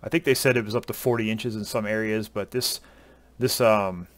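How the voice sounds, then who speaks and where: A man, chatting casually to camera through a headset at home, relaxed and rambling with many uhs and ums. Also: on the low side, moderate pace. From Southern US. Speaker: ski vlogger. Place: home room at a desk.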